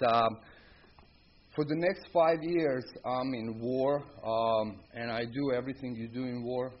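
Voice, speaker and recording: Recorded live at a recovery meeting in muffled, low-fidelity audio with noise behind him, a Croatian-accented man in middle age tells his own story to an AA group. His storytelling is plainspoken and frank, delivered in short, hard-hitting sentences.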